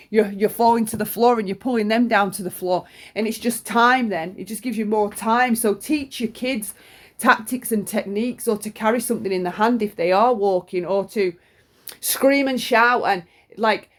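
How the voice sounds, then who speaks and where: Chesty with flu, a middle-aged woman who comments on true crime delivers an informal, opinionated monologue. She is blunt, sweary and emphatic, often repeating herself, at a medium pitch.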